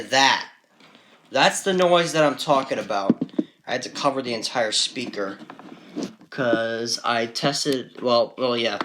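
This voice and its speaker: Recorded on a handheld phone with background noise, a man with a medium-pitched voice casually shows off a collection. His talk is off-the-cuff, rambling and matter-of-fact, a loose show-and-tell.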